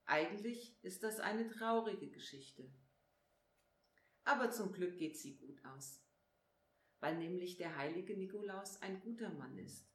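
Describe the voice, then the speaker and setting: A woman reading a children's story aloud in a calm, clear storybook manner. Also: fairly low pitch, a little slow. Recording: echoey room.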